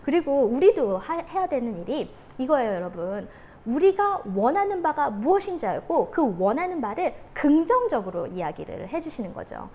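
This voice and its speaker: A woman in her forties giving an earnest lecture on communication, telling her own stories with animated laughter. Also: high-pitched, moderate pace, few pauses.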